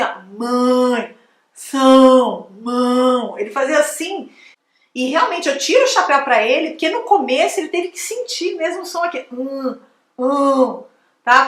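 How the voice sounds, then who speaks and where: A woman's voice: sits high, sharp tone, roomy sound. A woman from Brazil teaching English pronunciation in a chatty video lesson, exaggerating the sounds to demonstrate them.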